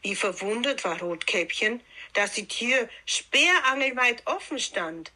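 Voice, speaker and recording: A woman reading a fairy tale aloud in a calm, unhurried storytelling manner. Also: on the high side.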